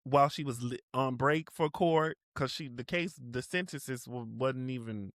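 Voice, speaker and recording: A man co-hosting a podcast in easy, casual chat, his voice at an ordinary middle pitch. He sounds wry and relaxed, often restarting his sentences. The recording is dry and close. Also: measured pace, dry recording. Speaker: podcast co-host.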